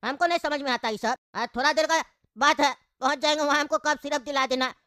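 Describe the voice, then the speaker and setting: A woman's voice: high voice, fairly even intonation, fast, bright, forceful tone, no room sound, studio quality. A woman voicing an elderly father with a cough and a chest cold, complaining and stubborn. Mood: grumbling. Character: coughing old father on a flight, grumbling and stubborn.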